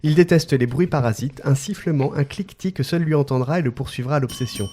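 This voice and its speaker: A man's voice: mid-range voice, fast talker, mellow. A man hosting a podcast, reading out a guest introduction with playful joking asides and frequent laughter. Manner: playful, often breaks into laughter. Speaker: podcast host.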